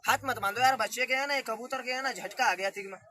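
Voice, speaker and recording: A man performing as a street magician, loudly coaxing and commanding the crowd around him in a patter. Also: very high-pitched, fast, a little hiss or hum.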